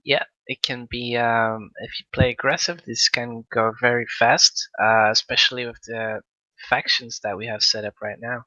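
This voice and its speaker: A man's voice: medium pitch, level tone, normal speed, hardly any pauses, bright, forceful tone, dry recording, highs cut off. A man co-commentating a video game match, laughing easily and hesitant with many ums and uhs. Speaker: esports co-commentator.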